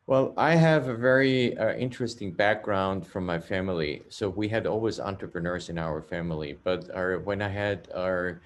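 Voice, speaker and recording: This is a middle-aged man with an Austrian German accent, speaking in a fairly low voice. He tells a business story with animated energy, stumbling over repeated words and often asking "yeah?". Faint room ambience sits behind him. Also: normal speed, hardly any pauses, a little hiss or hum. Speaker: guest, software company CEO. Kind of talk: interview storytelling.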